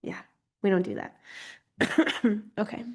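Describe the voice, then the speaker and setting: This host of an online astrology course is very animated yet slow, with a medium-pitched, slightly rough voice that's a little congested from a recent cold. She keeps her informal class chatty and playful, giggling and poking fun at herself.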